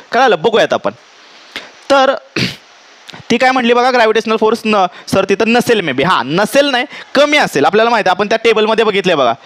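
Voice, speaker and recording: A man teaches a physics lesson at a rapid clip, his voice pitched high for a man. He keeps checking with the class whether everyone has understood. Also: a bit bright.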